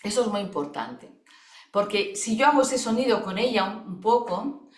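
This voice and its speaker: A woman, a singing therapist giving a webinar lesson in a thoughtful, unhurried way, often checking in with her listeners by asking if they follow. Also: mid-range voice, expressive. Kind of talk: teaching talk. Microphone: video call microphone. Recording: echoey room.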